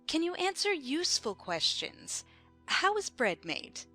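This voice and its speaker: A woman's voice: high voice, very animated, unhurried, pushed and bright, exaggerated voice. A woman playing a bossy, pedantic queen who contradicts like a schoolmistress in an audiobook drama. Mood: imperious. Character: bossy, pedantic Red Queen, an imperious chess-piece monarch. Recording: music behind the voice.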